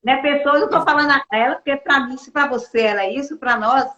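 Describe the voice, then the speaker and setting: A woman hosts a live interview in a chatty way, her voice on the high side. The live-stream sound is echoey and dull, with a roomy ring around her words. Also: fairly quick, bright, forceful tone. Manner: chatty, greets viewers by name, asks long questions. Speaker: host, state deputy.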